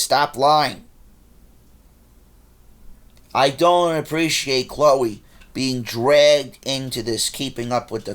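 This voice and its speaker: A man with a voice of ordinary pitch records a rambling monologue straight to camera. He sounds agitated and accusatory, turning to address people directly as he goes. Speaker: vlogger.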